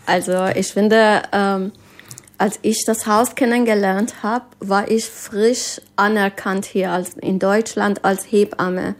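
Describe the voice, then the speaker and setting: A woman's voice: mid-range voice, fairly even intonation, slow pace. Woman, hesitant. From Iran. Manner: hesitant, non-native phrasing. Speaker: midwife, interview guest. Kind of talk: conversational interview.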